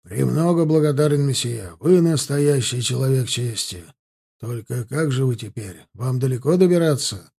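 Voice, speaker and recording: A man's voice: mid-range voice, animated, moderate pace, creaky, dark tone, breathy edge. A man reading an audiobook, voicing a humble, deferential coachman. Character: humble, grateful male coachman.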